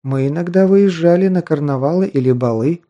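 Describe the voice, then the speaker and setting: A man reading an audiobook, voicing a proud but sheltered young noble girl in a raised, softened voice. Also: a little high, brisk, muffled recording, voice pushed up, lightly acted.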